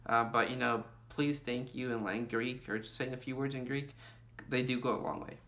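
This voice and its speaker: A man's voice: mid-range voice, fairly even intonation, normal speed, bright, forceful tone. Chatty young man giving travel tips. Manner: chatty, lots of fillers like "you know" and "like". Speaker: travel vlogger. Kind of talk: casual travel tips to camera.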